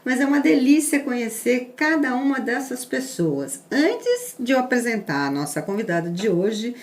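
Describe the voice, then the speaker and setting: A woman hosts a podcast interview with a clearly high voice. She talks in an effusive, welcoming way as she brings in her guest. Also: big pitch swings, normal speed. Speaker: podcast host.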